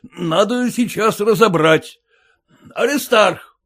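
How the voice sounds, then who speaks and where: A blustering middle-aged father bursting with indignation, as a male narrator puts him on. He shouts and rants, with his pitch swinging widely and the voice pitched fairly high. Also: expressive, a little slow. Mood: indignant outrage. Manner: exclamatory, shouting in outrage.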